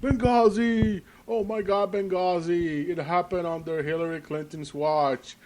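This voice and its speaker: A man's voice: steady tone, a little slow, darkish tone. Man putting on a shrieking panicked partisan. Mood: frantic. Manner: shrill, panicked, mocking exaggeration. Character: hysterical shrieking male partisan, frantic. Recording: hissy lo-fi podcast audio.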